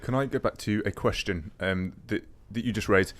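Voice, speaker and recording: A man's voice: fairly low pitch, moderate pace. A man hosting a podcast interview, asking long, winding questions. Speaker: podcast host. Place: podcast studio.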